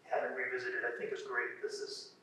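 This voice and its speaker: A man's voice: mid-range voice, monotone, brisk, sharp tone. A man in his fifties or sixties speaking on a discussion panel, reflective and rambling, with frequent restarts. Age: 50s-60s. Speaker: panel participant. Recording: very echoey room from far off.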